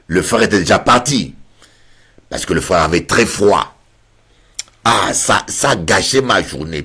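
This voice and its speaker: A man's voice: fairly low pitch, husky. A man with a French Caribbean accent preaching a sermon, telling a funny story and acting out the voices in it. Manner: animated, acts out voices in anecdotes. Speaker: pastor.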